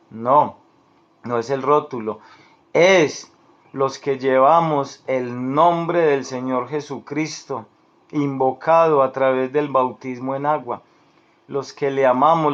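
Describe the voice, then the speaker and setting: A man preaching a sermon in an earnest, repetitive way, speaking directly to the listener as a beloved friend. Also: medium pitch. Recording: dull lo-fi recording.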